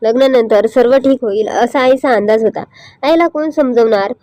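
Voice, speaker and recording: A woman reading the lines of a gentle young husband who earnestly apologizes and pleads with his wife. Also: fairly high pitch, normal speed, no echo, natural voice.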